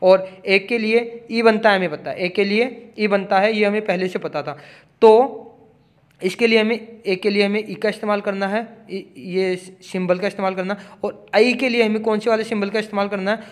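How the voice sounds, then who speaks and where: Male teacher with a high voice, walks through pronunciation step by step and repeats every example word out loud. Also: fairly even intonation, normal speed. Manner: repetitive, drills each sound aloud, stresses words for emphasis. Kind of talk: classroom explanation.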